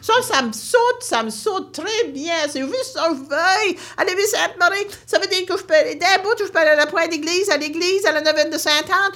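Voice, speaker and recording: A woman voicing an excited, cheerful middle-aged mother with an Acadian French accent, in a told story. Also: extremely high pitch, moderate pace, few pauses, voice pushed up. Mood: overjoyed.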